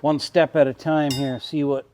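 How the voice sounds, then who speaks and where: A man's voice: fairly high pitch, flat delivery, normal speed, darkish tone, a little hiss or hum. A man narrating a casual how-to while working in his own vehicle, with a wry, self-deprecating, muttering manner. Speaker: DIY car vlogger.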